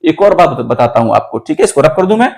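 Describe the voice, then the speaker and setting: High-voiced man teaching a lesson. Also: big pitch swings, vocal fry, darkish tone. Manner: explains slowly, addressing students as children; drills English sentences word by word. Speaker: English teacher. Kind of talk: classroom lesson.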